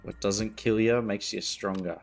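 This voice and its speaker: A man's voice: on the low side, fairly even intonation, unhurried, creaky, faint music behind. A male streamer chatting casually while he plays, laid-back and self-mocking. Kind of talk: casual chat while playing a game.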